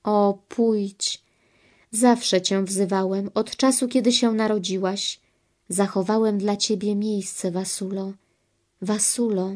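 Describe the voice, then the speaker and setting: A woman voicing Jesus as a gentle, solemn male divine teacher, speaking slowly and tenderly. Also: mid-range voice, steady tone, natural voice.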